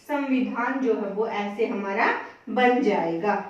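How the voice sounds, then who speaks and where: Speaking slowly in a mid-range voice, this teacher runs a classroom grammar lesson, posing questions, supplying the answers, and stressing key words through repetition. The audio is heavily echoey and distant, and the high frequencies are missing.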